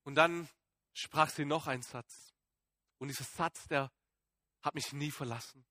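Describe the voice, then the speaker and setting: A man's voice: a little high, no room sound, studio quality. A man acting Paulus, fervent and shaken. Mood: awed, fervent. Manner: emotional and halting, swinging between excited outbursts and hushed awe. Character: Apostle Paul as a man, shaken and fervent, recounting his conversion. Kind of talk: dramatic first-person sermon monologue.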